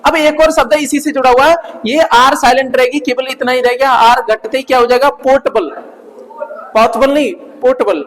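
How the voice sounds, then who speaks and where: A man's voice: very high-pitched, steady tone, a little fast, a bit bright. A male teacher drills vocabulary in a classroom, quizzing students and repeating each word many times. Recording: reverberant classroom.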